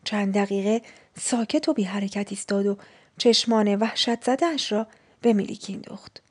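A woman narrating a classic short story aloud in a measured, expressive audiobook reading. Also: medium pitch, slightly rough.

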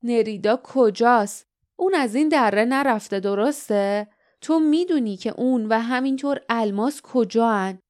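A defiant young man, quick to anger, hurling accusations, as a woman reader acts him. The voice sits high and rings clear and dry. An audiobook hero who will not back down. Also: dry recording, lightly acted. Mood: quiet, pressing. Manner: shouting accusations. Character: defiant young male hero, hot-tempered.

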